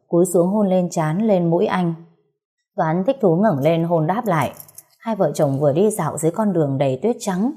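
A woman narrating a romance story as an audiobook reader, in a calm, steady way. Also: lowish voice. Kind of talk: scripted narration.

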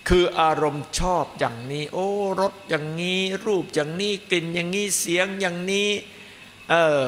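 Monk preaching in an echoey hall. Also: male voice, high voice, fairly bright tone. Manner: emphatic, piling up repeated phrases. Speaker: Buddhist monk teacher. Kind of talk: dharma talk. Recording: echoey hall, faint noise.

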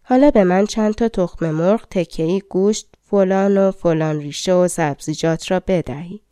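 A woman's voice: on the low side, warm tone, clean tone, no room sound, clean studio sound, natural voice. A woman voicing a cocky little dwarf cook. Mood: self-assured. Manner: self-assured, bargaining. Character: clever confident male dwarf cook.

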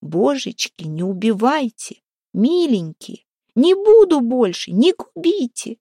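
A woman's voice: fairly high pitch, very animated, slow, warm tone, slightly rough, no room sound, studio quality, pitched above the performer's own voice, full character voice. A woman doing a wailing, terrified village wife. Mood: pleading. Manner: wailing, begging. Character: frightened young village wife, pleading.

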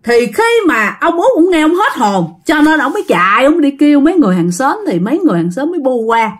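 A woman's voice: high-pitched, quick pace. A woman telling a ghost story in a chatty way, often turning to her listeners. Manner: lively, chatty, addresses listeners directly.

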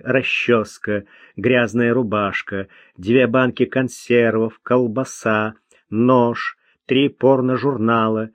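Male audiobook reader, slow and even, dry close sound. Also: mid-range voice, no room sound, muffled recording. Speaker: audiobook narrator. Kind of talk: scripted audiobook narration.

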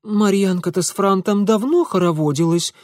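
A man's voice: high voice, a little mellow, no echo, studio quality, voice pushed up, natural voice. A man voicing a frightened, tearful young factory girl who rattles off her words in a whiny rustic way. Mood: flustered. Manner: rapid, whiny, dialect-tinged speech.

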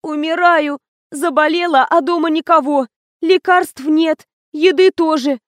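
A woman's voice: high voice, fairly even intonation, measured pace, dry recording, pitched above the performer's own voice. Woman putting on a whiny fake-sick young woman. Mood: pleading whine.

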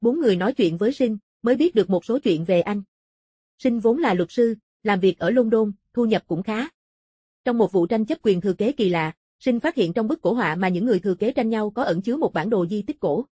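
A woman reading a story aloud as an audiobook narrator, steady and even. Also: mid-range voice, a little fast, husky, no room sound, clean studio sound.

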